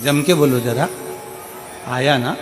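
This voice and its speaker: A man's voice: mid-range voice, slow. A male preacher giving a devotional sermon, building his point by repeating phrases and calling on the crowd to answer. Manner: repetitive rhetorical preaching, asks crowd to answer. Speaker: katha preacher. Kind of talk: devotional sermon with bhajan singing. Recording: long hall reverb with loud music.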